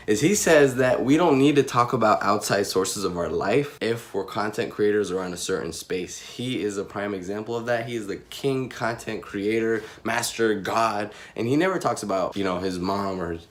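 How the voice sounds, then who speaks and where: A man's voice: fairly low pitch, slight background noise. A man in his twenties from Iraq, telling his life story in a casual, joking, rambling vlog. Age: 20s. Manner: joking, rambling, self-mocking. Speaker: vlogger.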